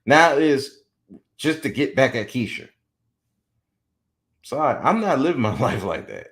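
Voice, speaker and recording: In a medium-pitched, unhurried voice, a man in his forties delivers blunt, opinionated podcast commentary. He's animated, and now and then he mocks others as he quotes them.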